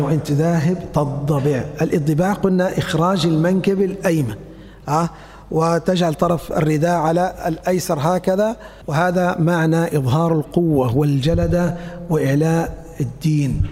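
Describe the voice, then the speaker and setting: A man's voice: on the high side, warm tone. A man giving a religious lecture, demonstrating steps and asking and answering his own questions. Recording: long hall reverb.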